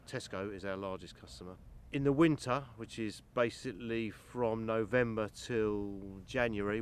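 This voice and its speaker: Farm manager, low-voiced man, eager and rambling, outdoor noise behind. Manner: enthusiastic, loud, rambling with restarts. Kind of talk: outdoor interview. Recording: noisy outdoor background.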